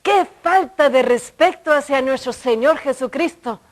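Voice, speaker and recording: A woman voicing a stern, indignant older female church usher who scolds in a shrill, raised voice. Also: slow pace, a bit bright. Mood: indignant scolding.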